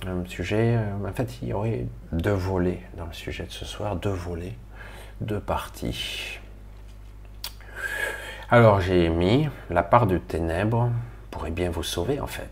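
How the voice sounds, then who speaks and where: A middle-aged man from Marseille, rambling casually and colloquially to viewers of his spiritual live stream. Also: sits low. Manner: rambling, colloquial, swears, talks to viewers directly.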